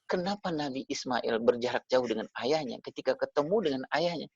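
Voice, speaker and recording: Gravelly-voiced man giving a parenting talk. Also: medium pitch, fairly quick, darkish tone, no echo. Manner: chatty, addresses listeners directly with tag questions. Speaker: parenting speaker. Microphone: video call. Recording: dull lo-fi video call audio.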